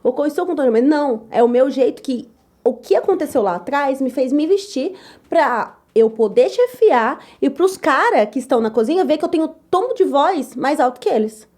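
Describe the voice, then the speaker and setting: Woman, young adult, chef being interviewed, lively storytelling, fairly high pitch, mellow tone. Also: normal speed. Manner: lively, acts out quoted voices, repeats "tal, tal"; says she talks loud and gruff. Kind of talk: animated personal storytelling.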